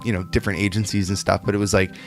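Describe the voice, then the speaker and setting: Over soft background music, a man co-hosts a podcast in relaxed, chatty conversation full of fillers. His voice is on the low side and his delivery rapid-fire.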